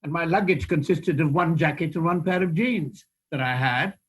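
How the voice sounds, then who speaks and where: A man's voice: a little high, moderate pace, breathy edge. An older man from India, an actor, telling a personal anecdote in a theatrical, hesitant storytelling manner. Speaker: actor, interview guest.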